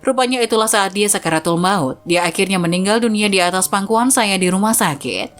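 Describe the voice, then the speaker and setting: A woman's voice: mid-range voice, brisk, soft background music. A woman narrating a first-person moral story in an earnest, moralizing way.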